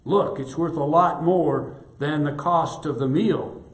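A man's voice: a little high, takes it slowly. A man voicing an earnest, humble woman on a mission as he tells a story in a sermon. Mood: insistent. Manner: earnest, pleading. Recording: echoey church room.

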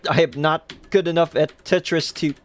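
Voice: mid-range voice, fairly even intonation, normal speed, slight background noise. A livestreamer giving rambling, self-mocking live commentary while playing, swearing and raging at the game.

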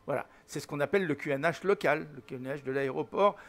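A man's voice: fairly high pitch, fast. Chatty man in his seventies, fillers. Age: 70s. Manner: rambling, many fillers and restarts. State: recovering from fever, slight headache. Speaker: flight sim tutorial host. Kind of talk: casual spoken tutorial.

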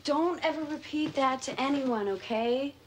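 High-pitched exasperated teenage sister. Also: female voice, a little slow, slight background noise. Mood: exasperated, pleading. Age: young adult. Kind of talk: film comedy acting.

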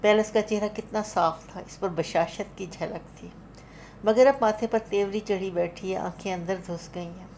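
A woman's voice: mid-range voice, fairly even intonation, normal speed, a little mellow, slight background noise. A woman with a Pakistani Urdu accent, narrating a literary story as an audiobook reader, dramatic and lifting her voice for the characters' cries.

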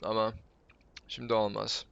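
A man chatting casually on a live game stream in halting, broken Turkish with foreign phrasing, slipping into English. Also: fairly low pitch, little pitch movement, vocal fry, fairly bright tone, dry recording, lo-fi sound. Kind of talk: casual live stream chat during gameplay.

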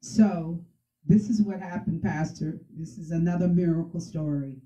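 A woman guest telling a lively faith testimony, often laughing between lines. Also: fairly low pitch, moderate pace. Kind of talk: testimony storytelling. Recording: echoey, distant, dull sound.

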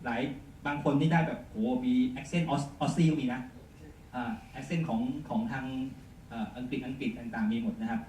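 A male teacher giving a chatty software demonstration lesson, full of polite particles. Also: medium pitch, normal speed. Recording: echoey room, mic far off, faint noise.

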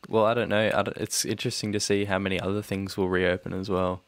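A man's voice: low-pitched, flat delivery, quick pace, dry recording. A man co-hosting a casual podcast, easygoing, mostly giving short replies. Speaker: podcast co-host. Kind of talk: casual chat.

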